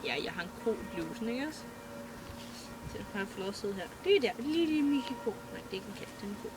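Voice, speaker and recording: A woman's voice: mid-range voice, expressive, over music, low-quality recording. A teenage girl chatting casually to her webcam at home, rambling, giggling and swearing offhandedly. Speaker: vlogger. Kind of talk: casual rambling chat to camera. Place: at home at the computer. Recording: loud background noise.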